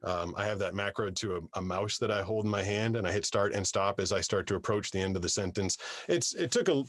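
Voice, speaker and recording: A man's voice: low voice, quick pace, no echo, clean studio sound. Man talking from a soundproof booth. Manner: animated storyteller, repeats words when starting sentences. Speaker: voiceover artist, guest. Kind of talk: conversational interview. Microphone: studio microphone.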